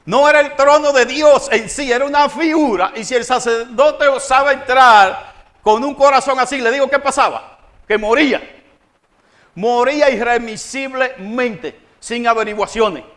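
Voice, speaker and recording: High-voiced preacher, emphatic sermon. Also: male voice, moderate pace, fairly bright tone. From Dominican Republic. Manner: emphatic preaching, rising and falling in volume, addresses congregation directly. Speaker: pastor. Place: church.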